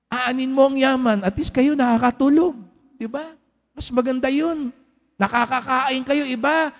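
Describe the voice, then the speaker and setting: High-voiced priest preaching in reverberant church. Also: male voice. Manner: conversational storytelling with rhetorical questions. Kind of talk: Sunday homily. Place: large church. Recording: long church hall reverb.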